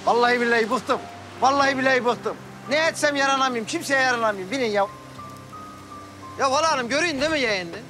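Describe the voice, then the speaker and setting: A man's voice: very high voice, sharp tone, soft background music. An actor playing a middle-aged, hot-tempered father who blusters and grumbles in a TV drama. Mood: grumbling. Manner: blustering, quick to anger, grumbling. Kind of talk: TV drama acting.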